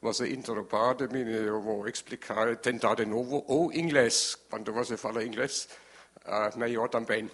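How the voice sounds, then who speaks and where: A man with a German accent and German as his first language, giving a formal presentation haltingly in a language he is not fluent in, searching for words. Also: medium pitch, fairly even intonation, fairly bright tone.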